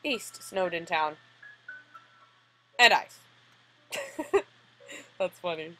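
A woman gamer giving let's-play commentary, reading the game text aloud in an animated way. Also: on the low side, very slow, soft background music, low-quality recording.

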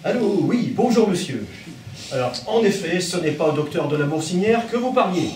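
A man's voice: sits high, expressive, normal speed, a little mellow, slight background noise. A man playing a polite caller. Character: calm man taking over a prank phone call. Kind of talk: amateur stage play. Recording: echoey hall from far off.

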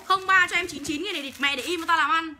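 A woman's voice: very high-pitched, sharp tone. A young woman, selling clothes on a livestream, rattling off buyers' names between profane, angry rants. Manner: rapid sales patter calling out buyers' names. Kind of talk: livestream selling, ranting at viewers.

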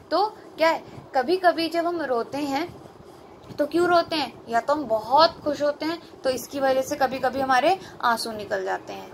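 A woman's voice: sits high, a bit bright, a little hiss or hum. A woman teacher explains a poem to children. She asks questions and answers them herself, and mixes Hindi and English. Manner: reads English lines slowly.

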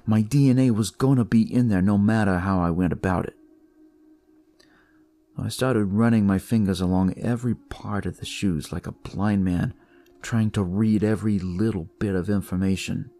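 A man narrates in character as a detective, telling in the first person of a sinister, eerie discovery, conversational yet theatrical like a dramatic audio story. His voice is on the low side and warm, close to an everyday voice, at normal speed. The mood is uneasy and wry, with music in the background.

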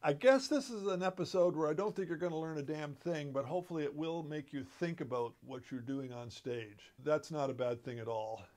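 A man's voice: on the high side, fairly quick, hardly any pauses, a little mellow. An older man hosting a comedy how-to talk from his home study, speaking to camera in an emphatic, conversational way. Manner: conversational, emphatic, occasionally preachy. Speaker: host.

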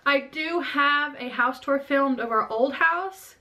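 A young woman in her twenties talks to a camera on a stand in her home bedroom, short of breath the whole time. Her voice is bright and a little high, and her chat rambles from one thought to the next. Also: slow. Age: 20s. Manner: rambling, scattered, chatty. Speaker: vlogger.

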